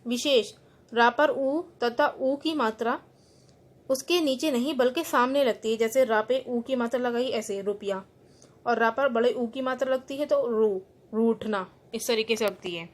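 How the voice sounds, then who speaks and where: Her pitch is fairly high and her pace measured as she leads an online Hindi lesson for school students. The teacher, from India, explains each rule and follows it with a simpler rewording, using English terms along the way.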